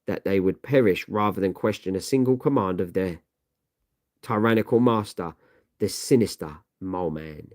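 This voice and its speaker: A man's voice: low-pitched, moderate pace, a little mellow, no room sound, clean studio sound. A man narrating a comic book aloud with dramatic emphasis.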